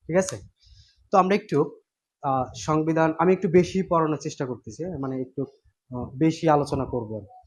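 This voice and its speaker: A male teacher runs an online exam-prep class. His voice sits slightly high for a man. He talks casually, repeats key points and keeps asking his students whether they follow. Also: fairly quick, long pauses, a little hiss or hum. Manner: repetitive, checks in with students often.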